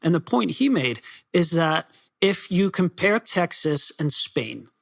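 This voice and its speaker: A man who grew up in the Netherlands and Belgium, a soccer writer being interviewed, talking quickly and casually with fillers and restarts. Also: a little high, very animated, gravelly. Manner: fast, chatty, with many fillers and restarts. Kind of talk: podcast interview.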